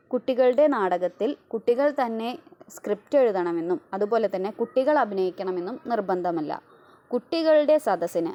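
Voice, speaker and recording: Woman teacher, mid-pitched, steady step-by-step exam revision delivery. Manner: explains point by point, asks and answers her own questions.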